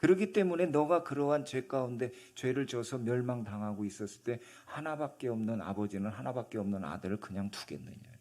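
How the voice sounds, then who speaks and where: A man's voice: mid-range voice, fairly quick, hardly any pauses, mellow. A male pastor preaching a sermon in a church, in a conversational way, often asking the congregation questions.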